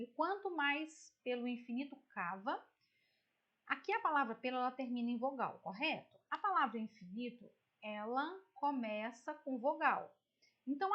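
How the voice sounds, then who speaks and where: A woman's voice: high voice, fairly bright tone, dull audio. A woman teacher with a Brazilian Portuguese accent explains a poem in an online lesson, chatty and explanatory, often checking in with "tá?" and "né?". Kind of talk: online literature lesson, screen-share explanation.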